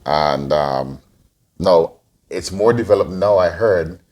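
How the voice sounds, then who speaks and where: A man's voice: sits low, takes it slowly, a little mellow. A man in his forties, from Guyana and raised in Antigua, answering interview questions as a podcast co-host, rambling with many restarts. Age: 40s.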